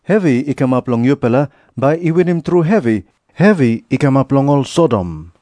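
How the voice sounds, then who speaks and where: A man's voice: mid-range voice, lively intonation, moderate pace, warm tone, no room sound, lightly acted. Man playing a preaching Jesus, Papua New Guinean accent. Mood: stern warning. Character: Jesus, earnest preaching prophet addressing crowds. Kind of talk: dramatised scripture reading.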